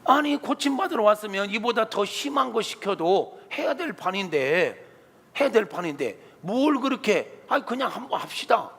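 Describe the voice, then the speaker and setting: A man, a pastor, preaching a sermon in an animated, colloquial way in a church. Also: high voice, moderate pace, breathy edge. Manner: animated, colloquial, acts out quotes. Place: church sanctuary. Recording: reverberant church hall.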